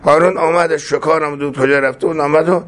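A man's voice: on the high side, steady tone, a bit bright. A man telling a folk tale in an informal, folksy way, with many asides. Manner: folksy and colloquial, with frequent asides. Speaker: storyteller. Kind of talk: informal oral storytelling.

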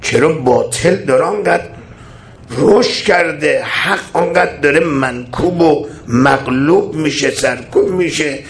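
A man's voice: a little high, reverberant, slight background noise. A man preaching an impassioned sermon, firing rhetorical questions and reciting scripture in a chant-like cadence. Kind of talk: religious sermon.

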